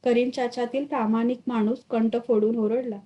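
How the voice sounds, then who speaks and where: A woman reading a literary short story aloud, expressive and dramatic in her storytelling. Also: on the high side, normal speed, muffled recording. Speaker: story reader.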